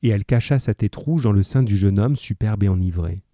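A male teacher who reads a literary passage slowly and evenly, then talks to his pupils in a lively, encouraging way. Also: fairly low pitch, no echo, clean studio sound. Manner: slow, measured reading; lively and encouraging with pupils. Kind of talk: literary reading and radio class.

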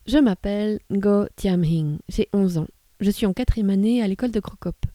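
A woman voicing an eleven-year-old schoolboy who introduces himself slowly. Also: medium pitch, warm tone, dry recording, lightly acted. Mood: earnest.

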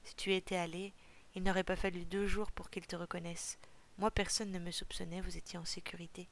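A woman reading out a grave, blunt hunter, the eldest brother, in a storybook. His voice is low and gravelly and barely rises or falls. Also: flat delivery, brisk, slight background noise, natural voice. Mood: defensive.

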